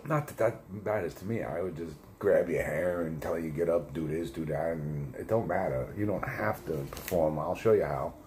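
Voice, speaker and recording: This livestream host talks from home in a low voice at a moderate pace, barely pausing, with background noise behind him. His casual storytelling is rambling, crude and full of profanity, and he keeps stopping to fix details he isn't sure of.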